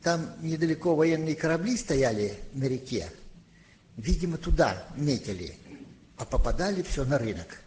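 Older preacher, lively rising and falling voice. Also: male voice, a little high, low-quality recording. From Leningrad, Russia. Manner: slow, emphatic storytelling with rising cries when quoting. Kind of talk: sermon. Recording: faint background hiss, archival tape.

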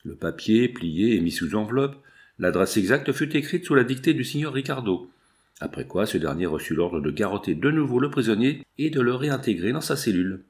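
Low-voiced man narrating a novel. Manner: steady, measured, dramatic. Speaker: audiobook narrator. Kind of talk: scripted narration.

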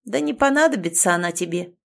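A woman voicing a very old male wolf-shifter bookseller who talks slowly, dryly and gruffly. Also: on the low side, animated. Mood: wry.

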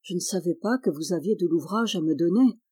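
A woman voicing a timid, frightened young man who pleads anxiously, in a slightly breathy voice. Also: lowish voice, a little fast, mellow.

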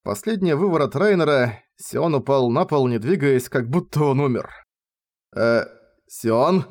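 A man narrating a light novel audiobook in a steady, even reading. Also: mid-range voice, moderate pace.

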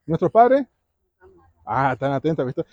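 A man speaks a little slowly in a slightly high, darkish voice with big pitch swings. He's giving a Bible talk to preteens at a retreat, frequently asking them questions and adding "¿sí?" to his lines. The recording is dull and lo-fi.

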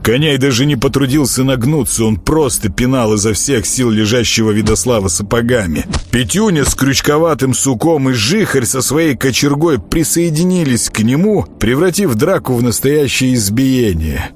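A man narrating an audiobook in an expressive storytelling manner. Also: medium pitch, moderate pace, few pauses. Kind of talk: scripted narration.

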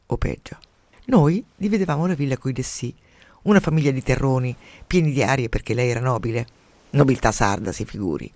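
A spiteful dying old woman, played by a man, tells her tale with a sneer and a gravelly edge. She is boastful and mean, speaking at an ordinary middle pitch in a radio story reading. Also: darkish tone, dry recording. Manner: sneering, gloating.

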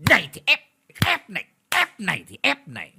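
A man voicing a cruel, brutal village chief who shouts and snarls threats at villagers. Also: medium pitch, fast, a little hiss or hum. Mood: snarling rage.

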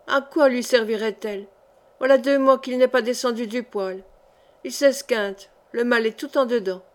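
Woman doing grumbling peasant cook, cross, fairly high voice. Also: moderate pace, natural voice. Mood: scolding. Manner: angry, grumbling.

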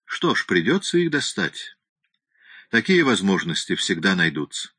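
A man voicing a frank, firm middle-aged male lawyer who speaks straight without softening his words. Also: sits low, very animated, normal speed, slightly rough, no room sound, clean studio sound, heavily acted.

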